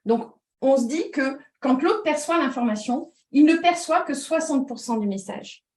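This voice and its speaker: A woman's voice: high voice, expressive, moderate pace, a little mellow. A woman, a communication trainer, giving an explanatory talk with frequent fillers and restarts, often checking in with her listeners. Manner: checks in with listeners with repeated 'd'accord?'.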